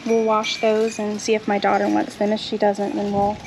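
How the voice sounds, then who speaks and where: A chatty vlogger in her thirties sits outdoors on a backyard patio, casually talking to camera as she thinks aloud and sorts her dumpster haul. Her mid-range voice is completely flat at a moderate pace, with background noise present.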